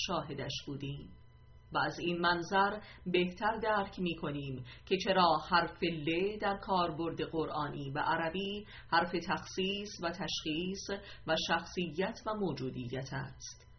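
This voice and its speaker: Woman reading a religious text, slow and measured, lowish voice, kinda muffled lo-fi audio. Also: slight background noise. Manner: measured and deliberate, enumerating numbered points. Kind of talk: scripted reading.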